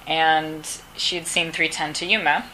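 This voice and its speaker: Actress, female, low register with a bright, forceful edge; chatty interviewee who acts out quoted lines. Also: flat delivery, a little slow, a little hiss or hum, rough recording. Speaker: actress interviewed at a press round table. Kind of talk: casual interview answers. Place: press round table.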